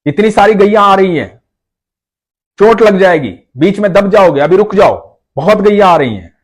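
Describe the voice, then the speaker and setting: A man voicing a cheerful young village cowherd boy of about ten, calling out loudly and coaxing an old man to stop. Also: sits high, animated, normal speed, pitched above the performer's own voice. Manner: coaxing, insistent, raised voice.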